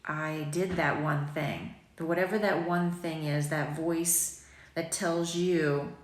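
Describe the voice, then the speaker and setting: Over morning tea in her sunny kitchen, a boutique owner in her forties talks to viewers on a phone camera held at arm's length, her low voice still a bit raspy from waking up. She speaks slowly with fairly even intonation, chatty and rambling, poking fun at herself and saying um a lot. The kitchen sounds echoey.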